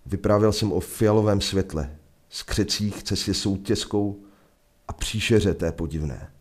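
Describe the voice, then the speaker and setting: A Czech man telling a first-person adventure story in a measured, vivid narration. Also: low-pitched, a little mellow. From Czech Republic.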